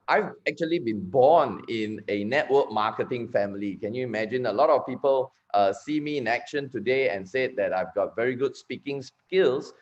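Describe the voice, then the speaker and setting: A Malaysian man in his forties speaks at a medium pitch, giving a chatty conference talk and often circling back over his words. The recording sounds a little dull and lo-fi. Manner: chatty, repeats and restarts words. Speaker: network marketing speaker.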